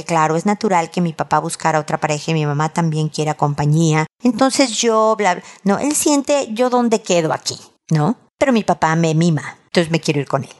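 A woman counsels a caller on raising children. She is warm but firm in her advice. Now and then she acts out a scene between a mother and her child. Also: fairly low pitch. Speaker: advice show host.

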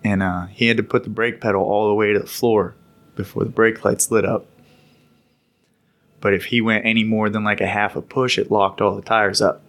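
A man's voice: on the low side, flat delivery, moderate pace, fairly bright tone. Laid-back man telling war stories. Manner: laid-back, rambling, laughs while telling. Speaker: podcast co-host recounting military service. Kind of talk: casual storytelling.

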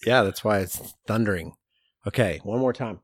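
A man's voice: on the low side, moderate pace, no room sound, studio quality. Laid-back man hosting a podcast. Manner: relaxed, jokey, laughs often. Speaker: podcast host. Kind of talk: casual podcast chat. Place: front room of a house.

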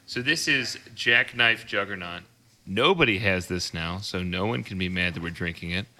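A laid-back man with a very low but bright, sharp-edged voice talks casually on a podcast. He fills his pauses with frequent ums and uhs. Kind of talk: casual chat.

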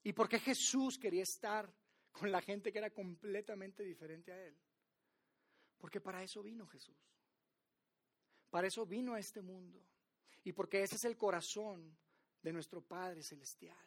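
A man delivers a sermon. He retells the story dramatically, rising to loud emphasis and dropping to near-hushed lines. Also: high voice, moderate pace, long pauses. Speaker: pastor.

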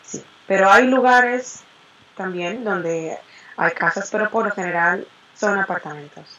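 A woman's voice: mid-range voice, measured pace, fairly bright tone, muffled recording. A woman in her twenties from the Dominican Republic, speaking Dominican Spanish and answering interview questions in a cheerful, chatty way that breaks into laughs. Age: 20s. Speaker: interview guest.

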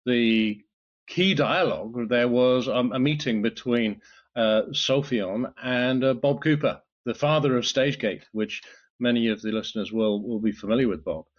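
A British man from the United Kingdom, a solutions architect, is a guest on a podcast interview, speaking thoughtfully at a moderate pace with many restarts. His voice is mid-range, and the lo-fi audio sounds slightly dull.

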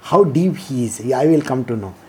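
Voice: medium pitch, expressive, moderate pace, darkish tone, slight background noise. A spiritual teacher from India with an Indian accent, reading scripture and explaining it informally in a didactic way, repeating phrases for emphasis.

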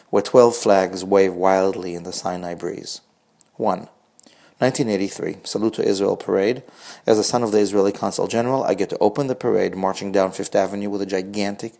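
A man's voice: lowish voice, gravelly, warm tone. A man in his forties with a wry, reflective manner, reading his own scripted personal essay as a blog host.

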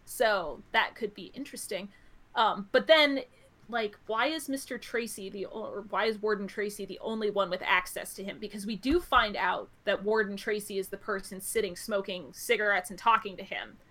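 A woman co-hosts a podcast, thinking out loud and theorizing about a TV episode in casual chat stuffed with "like" and "I was like." Her mid-range voice is a bit bright and moves at a moderate pace.

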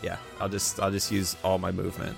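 A man's voice: low-pitched, completely flat delivery, a little fast, gravelly, music in the background. A man playing in a tabletop game, talking in a hesitant, laid-back way. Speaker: player.

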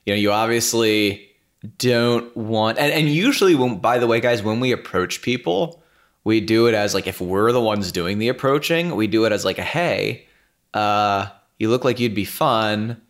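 A man with a fairly low voice co-hosts a podcast. He talks casually and loosely, with plenty of fillers and restarts. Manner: relaxed, rambling, many fillers. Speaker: podcast co-host.

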